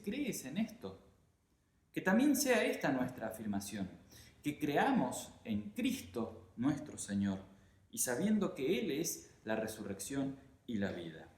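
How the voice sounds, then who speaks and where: A male pastor with an Argentine Spanish accent delivers a sermon, pausing often and stressing key words. His voice sits at an ordinary middle pitch. The recording carries a roomy echo, as in a church. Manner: measured, emphatic preaching with pauses.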